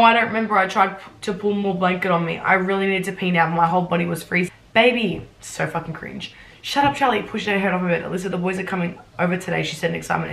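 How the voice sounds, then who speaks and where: Young woman vlogger, rapid, lower voice, self-mocking reaction reading. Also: creaky, a bit bright, low-quality recording. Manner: cringing, swearing, mocking and laughing at herself. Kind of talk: reading and reacting to her old fan fiction.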